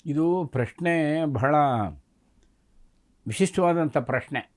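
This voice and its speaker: A man, a religious scholar, telling devotional stories in a lively, expressive way and acting out the voices in them. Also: fairly high pitch, slow pace. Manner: animated, acting out the story's voices. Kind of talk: devotional storytelling discourse.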